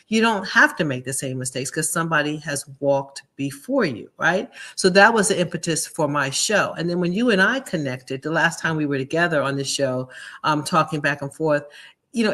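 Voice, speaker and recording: A woman host talking up business lessons in a lively, motivational way, tagging her points with "right?". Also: low voice. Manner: upbeat, tags lines with "right?". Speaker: show host and business speaker.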